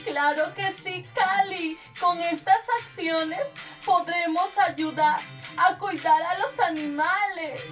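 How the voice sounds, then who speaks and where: A woman's voice: extremely high pitch, fairly even intonation, slow, fairly bright tone, faint music behind, heavily acted. A woman with a Peruvian accent voicing a sad, abandoned female pet in a children's puppet show, sobbing as she talks. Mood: worried. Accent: Peruvian Spanish. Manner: sobbing, whimpering delivery. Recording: voice from a distance off the mic.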